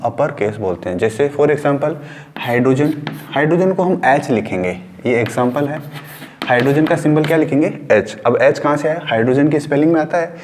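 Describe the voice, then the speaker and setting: In a room with a board, a man from India teaches a science class in a mix of Hindi and English, repeating key words and posing and answering his own questions as he writes. His voice is mid-range and a little mellow, with slight hiss or hum.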